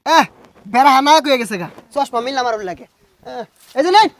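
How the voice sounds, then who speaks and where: Man, high voice, dry sound, quick grumbling sidekick banter. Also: fairly bright tone, no room sound. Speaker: comedy sketch actor. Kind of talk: comic sketch acting.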